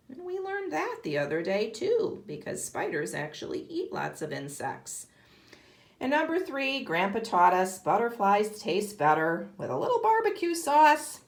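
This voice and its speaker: In a roomy, echoey space, a woman kindergarten teacher with a mid-range voice reads a picture book aloud to young children with lots of expression. She pauses now and then to ask them questions.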